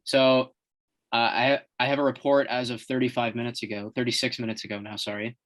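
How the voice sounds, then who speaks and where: A young man with a mid-range voice, chatting on a casual sports podcast. He gives quick updates and stumbles a little when he reads aloud. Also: mid-range voice, level tone, over a noisy crowd. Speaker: podcast co-host. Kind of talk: casual chat.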